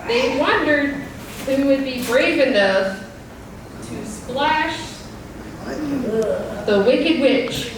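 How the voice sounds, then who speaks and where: Woman narrator for an amateur play, high voice, slow reading, distant echoey room with noise. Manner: prompts performers between lines. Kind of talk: reading a story aloud to an audience. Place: performance room. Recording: echoey room from far off, noisy.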